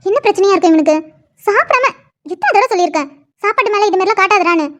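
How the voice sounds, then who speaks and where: A woman voicing an anxious middle-aged aunt who gently scolds and worries. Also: extremely high pitch, lively intonation, very fast. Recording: dull lo-fi sound.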